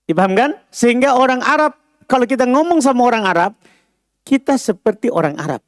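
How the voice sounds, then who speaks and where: A man's voice: extremely high pitch, animated, brisk, no room sound, clean studio sound. A man teaching an Arabic lesson, explaining patiently and often checking whether students understand. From Indonesia. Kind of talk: classroom lesson.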